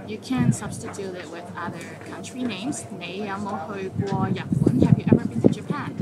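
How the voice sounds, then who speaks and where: A woman teaching a language lesson, saying each phrase slowly and clearly, then translating it patiently. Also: mid-range voice, very noisy. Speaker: Cantonese teacher.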